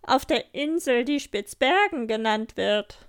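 A woman voicing a proud reindeer in a storybook, speaking loudly, slowly and boastfully. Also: a little high, expressive, smooth, voice pushed up. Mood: longing. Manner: loud, slow and boastful. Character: proud reindeer from the snowy north.

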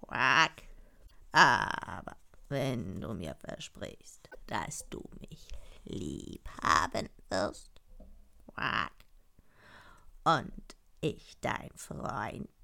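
A woman voicing a male frog in a fairy tale, speaking in a low, slow, croaky voice and adding quacks. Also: big pitch swings, pushed and bright, heavily acted. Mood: pleading. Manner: drawn-out, croaky, ends lines with quacks.

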